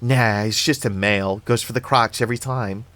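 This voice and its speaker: A man's voice: fairly low pitch, fairly even intonation, moderate pace, fairly bright tone, no echo, close to an everyday voice. A man reading aloud and voicing a blunt, mocking teenage girl. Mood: sarcastic. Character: crude, sarcastic teenage girl.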